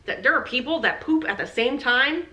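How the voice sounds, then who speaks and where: A woman's voice: sits high, lively intonation, moderate pace, bright, forceful tone, low-quality recording. A woman co-hosting a podcast, rambling through stories in casual chat and often laughing. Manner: giggly, rambling storyteller. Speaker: podcast co-host.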